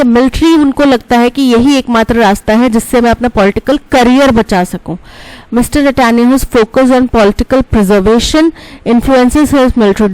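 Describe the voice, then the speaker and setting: Bright-voiced woman teaching English. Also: fairly high pitch, no echo, rough recording. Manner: explains word meanings in Hindi, reads English questions slowly. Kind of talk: exam-prep lesson explaining answers.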